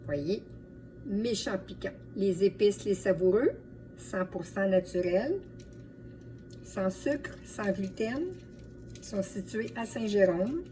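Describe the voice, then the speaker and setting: A woman with a Quebec French accent chatting to viewers as friends while giving a casual cooking demonstration as a home cook. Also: medium pitch. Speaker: home cook and video host. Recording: distant mic, light background noise.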